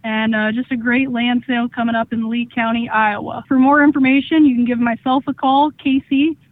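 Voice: medium pitch, normal speed, no echo. An auction company representative talking casually over the phone on a radio show, with lots of "uh" fillers between phrases. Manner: relaxed, many "uh" fillers. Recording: narrow tinny phone line, dry.

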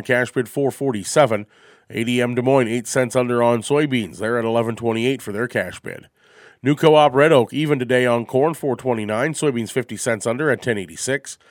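An American man with a mid-pitched voice reads a scripted market report for farm radio. His delivery is brisk and businesslike, like a working announcer. The sound is close and dry, as on a studio microphone. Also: no room sound.

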